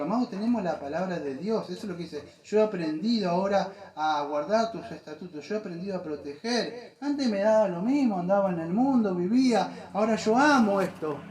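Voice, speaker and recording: A man preaching in Argentine Spanish with an earnest, repetitive delivery, his voice sitting a bit higher than most men's. The room around him is echoey, like a church hall. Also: a little mellow. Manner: earnest, repetitive, addresses listeners as "amado". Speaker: pastor. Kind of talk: sermon.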